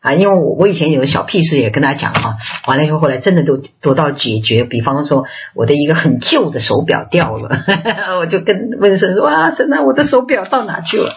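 A woman preaching a sermon, telling personal testimony in an animated, chatty way. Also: deep voice, fairly quick, dull audio, slight background noise.

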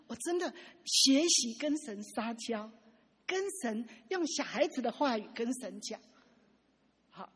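High, husky woman preaching in a hall. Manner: lively storytelling, acting out quoted dialogue. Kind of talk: sermon. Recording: long hall reverb.

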